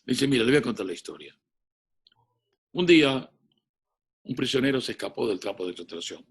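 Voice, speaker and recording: Male rabbi, sermon delivery, solemn halting storyteller, mid-range voice. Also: mid-range voice, lively intonation, breathy edge. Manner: solemn storytelling with frequent restarts.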